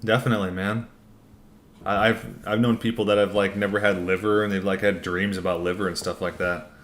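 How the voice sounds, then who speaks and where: A man's voice: lowish voice, little pitch movement, a little fast, fairly bright tone. A man hosting a casual livestream Q&A, reading out comments and answering in a laid-back, informal, rambling way. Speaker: livestream host.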